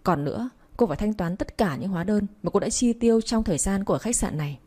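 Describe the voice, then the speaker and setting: A cold, arrogant young man, as a woman narrator reads him, snapping curt and dismissive orders. The voice is mellow and warm, at a middle pitch. He speaks as a figure in a read-aloud romance story. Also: lively intonation, fast talker, husky.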